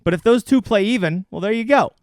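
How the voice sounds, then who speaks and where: A man's voice: sits high, fast talker, no echo. A man casually breaking down fantasy golf picks on a livestream, crude and joking. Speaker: fantasy sports analyst.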